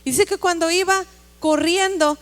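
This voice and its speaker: A woman pastor with a high voice preaches in a church, her words trailing into long reverb. She tells the story and keeps turning to the congregation with calls of amen. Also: fairly even intonation, normal speed, fairly bright tone, soft background music. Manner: addresses the congregation as brothers, amens. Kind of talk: sermon, storytelling. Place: church sanctuary.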